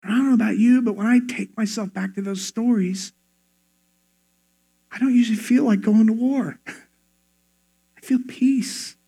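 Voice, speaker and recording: A man's voice: sits high, unhurried, gravelly, pauses often, dark tone, slightly rough. A male pastor preaching a sermon in an earnest, conversational way. He often repeats words as he starts his phrases.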